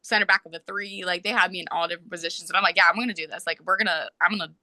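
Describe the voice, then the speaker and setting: A young woman and soccer player, a podcast guest, telling a story in casual, animated talk full of "like"s. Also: lowish voice, no room sound. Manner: animated, fast storytelling with many "like"s.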